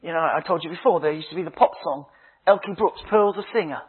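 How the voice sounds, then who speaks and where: A man, a minister, preaching a sermon with a husky voice, slow emphatic phrases that drop to a hush, and humorous stories. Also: fairly high pitch. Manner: dramatic preaching, slow emphatic phrases dropping to hushed tones; humorous storytelling. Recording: tinny phone-like sound.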